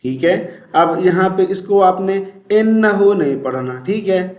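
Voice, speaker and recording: High-voiced male Quran teacher, roomy echo. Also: darkish tone. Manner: drawn-out melodic recitation of verses, then brisk corrective explanation. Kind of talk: tajweed lesson, alternating slow chanted recitation with spoken explanation.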